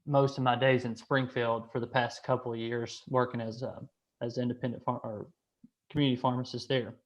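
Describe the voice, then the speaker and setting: A man, hosting an online meeting in a hesitant way, with many restarts and fillers. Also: medium pitch. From Kentucky, USA. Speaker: association director hosting a call. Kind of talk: casual online meeting talk. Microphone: video call. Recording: slightly dull call audio.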